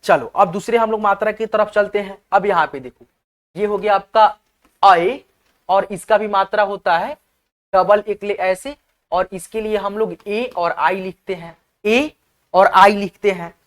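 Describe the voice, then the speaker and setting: A woman's voice: mid-range voice, unhurried. A woman teaching a spelling lesson at a whiteboard, patiently spelling words out letter by letter and often checking that her viewers understand.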